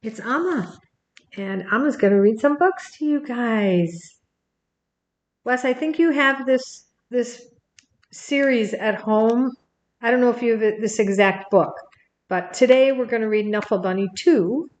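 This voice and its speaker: An older woman, a grandmother, reading a picture book aloud on camera and gently talking to her grandchild between pages. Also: a little high, unhurried, reverberant. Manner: gentle, talks to the child by name between pages. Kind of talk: recorded bedtime story reading.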